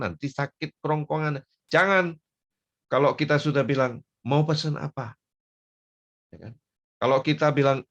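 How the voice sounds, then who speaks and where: An older man from North Sumatra preaching a folksy sermon, dropping to soft murmurs and then rising into loud, emphatic bursts. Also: sits low, muffled recording. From Pematangsiantar, North Sumatra.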